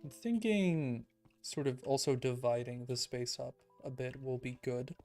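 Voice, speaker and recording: A man casually commenting on his own gameplay as a streamer, relaxed and self-deprecating, thinking out loud and a little out of breath. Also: mid-range voice, a little slow. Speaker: let's play streamer. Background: background music.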